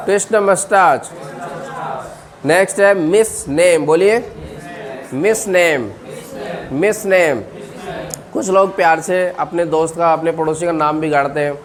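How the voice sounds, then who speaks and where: A man teaching English vocabulary, drilling words and having the class repeat them, often checking in with the listeners. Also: a little high. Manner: checks with frequent "ठीक है ना". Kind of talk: spoken English lesson.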